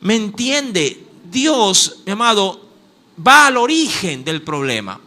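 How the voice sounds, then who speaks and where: Emphatic Ecuadorian male pastor preaching, high bright voice, very lively delivery. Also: slow pace. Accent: Ecuadorian Spanish. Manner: emphatic, repetitive, addresses listeners as "my beloved". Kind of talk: sermon.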